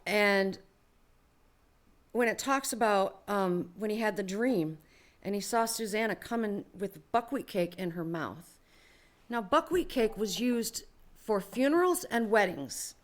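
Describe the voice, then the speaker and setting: At a barn music venue, a woman singer and musician hosts a live show, chatting casually with the audience from the stage. She's explanatory and full of filler phrases, speaking in an animated, medium-pitched voice without hurrying.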